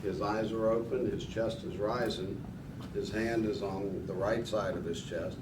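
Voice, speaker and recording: A man's voice: fairly low pitch, fairly even intonation, a little slow. A man instructing a paramedic training scenario, giving prompts and informal explanations, often checking that trainees follow. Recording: echoey distant recording with clear noise.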